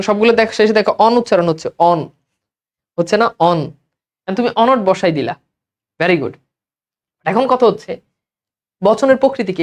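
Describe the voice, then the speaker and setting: Male teacher, exam-prep grammar lesson, repeats questions and answers. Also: high-pitched.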